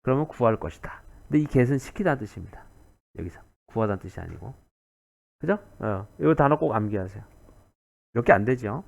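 A man's voice: medium pitch, expressive, fairly quick, gravelly. A man giving a recorded grammar lecture, repeating key words and checking in with "right?" often. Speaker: English grammar teacher.

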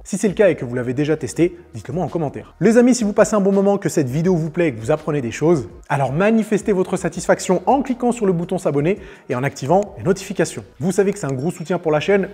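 A male fitness coach talks through exercises at a rapid clip, upbeat and explanatory. His voice sits a bit high for a man, with a dark, mellow color and a slightly husky edge. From France. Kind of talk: fitness tutorial with sponsor read.

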